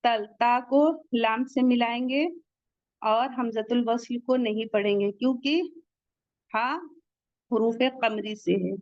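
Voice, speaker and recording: Slow, careful woman teaching recitation. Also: a little high, fairly even intonation, dry recording, muffled recording. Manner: slow, deliberate, drawn-out recitation of each word. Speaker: Quran tajweed teacher. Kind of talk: tajweed lesson, recites then explains.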